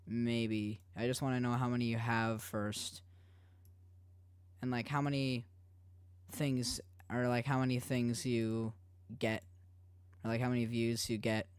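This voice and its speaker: A man's voice: mid-range voice, clear, resonant tone, no echo. A man streaming live while he animates, chatting casually with viewers in a rambling way, full of restarts.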